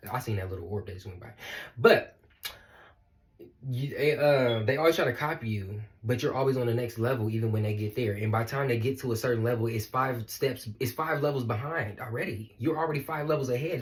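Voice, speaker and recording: A man speaking as a spiritual life coach in a casual motivational monologue, animated and slangy, swearing and laughing often. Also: medium pitch.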